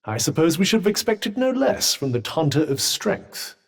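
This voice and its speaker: An actor with a British accent voicing an urbane, dry-witted, sardonic magic cuff in a video game, speaking in a formal, articulate way. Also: male voice, on the high side, big pitch swings, normal speed. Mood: measured advising. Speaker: video game companion character. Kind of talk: scripted game dialogue.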